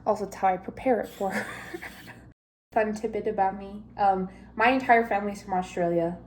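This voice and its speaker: A young woman, a mother and vlogger, chats to the camera in her kitchen at home, giggling and rambling as she works through chores. She speaks at a normal speed in a steady, mid-range, darkish voice over slight background noise.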